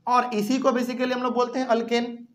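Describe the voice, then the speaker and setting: A man's voice: very high-pitched, monotone, fairly quick. A man teaching a chemistry lesson at a whiteboard in Hindi with a Bihari accent, asking the class questions as he explains step by step.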